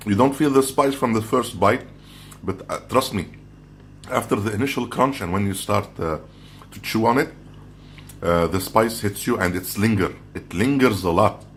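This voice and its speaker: Low-voiced guy doing a casual snack review vlog, crunching chips as he talks, some noise behind him. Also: moderate pace. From outside the Philippines. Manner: talking while handling and crunching chips. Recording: clearly noisy background.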